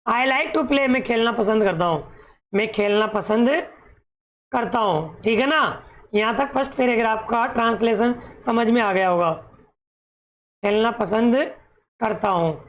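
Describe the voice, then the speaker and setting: A woman teaching a children's English poem, calling her young pupils fond pet names and dictating meanings slowly. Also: fairly high pitch. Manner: slow, spelled-out dictation of meanings.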